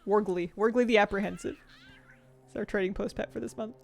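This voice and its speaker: A woman's voice: medium pitch, fairly even intonation, a little fast, gravelly. A woman chatting casually as she streams a game, rambling and thinking aloud in a conversational way. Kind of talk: casual gaming commentary chat. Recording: game music behind voice. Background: video game music and sounds.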